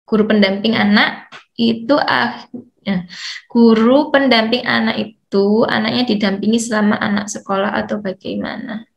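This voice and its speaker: Here the recording is muffled, and the woman's slightly high voice carries vocal fry, fairly even intonation and a normal speed. As an educator for parents of kids with hearing technology, she leads a seminar, patiently explaining with many fillers and reading questions aloud.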